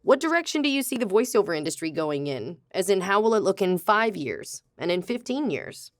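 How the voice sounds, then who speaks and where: A woman hosting a podcast who asks a guest questions in a lively way. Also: mid-range voice, fairly quick. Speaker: podcast host. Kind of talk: interview questions and narration.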